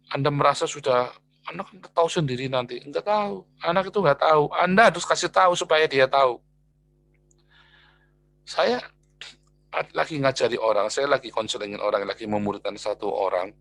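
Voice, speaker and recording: Animated, gravelly-voiced preacher man. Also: fairly high pitch. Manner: animated, swings between loud emphatic lines and quiet asides; acts out quoted people in a raised voice. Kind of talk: sermon.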